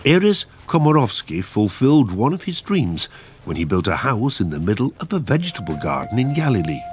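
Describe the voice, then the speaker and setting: A man narrating a travel cooking documentary in a measured scripted voice-over. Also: medium pitch, big pitch swings, a little mellow. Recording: voice-over over music.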